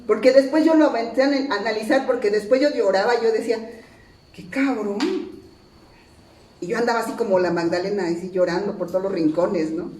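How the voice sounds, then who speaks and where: Woman with a Mexican accent, middle-aged, personal testimony at a meeting, blunt and salty, mellow dark voice, booming echo in a big hall. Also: fast, few pauses, distant mic, slight background noise. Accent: Mexican Spanish. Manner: frank, profane, laughs often while telling her story. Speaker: speaker sharing her testimony at a recovery meeting. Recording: very echoey hall, speaker off-mic, crowd murmur.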